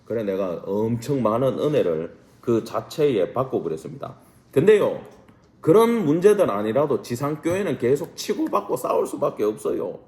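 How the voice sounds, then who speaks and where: A man's voice: medium pitch, sing-song, normal speed, mellow, echoey room. A man, a pastor, teaching a Bible study class in a church room, asking rhetorical questions and mixing casual and polite speech.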